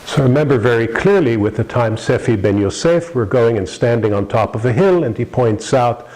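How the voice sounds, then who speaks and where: A man's voice: medium pitch, animated, fairly quick, a little mellow, poor audio. A middle-aged man from New York with an American accent, giving a rambling public lecture with many fillers and restarts. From New York City, USA.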